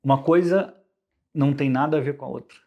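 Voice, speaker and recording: A man with a Brazilian Portuguese accent, a guest on a podcast, explaining communication with lively everyday examples. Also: mid-range voice, a little fast, highs cut off. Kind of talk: conversational podcast interview.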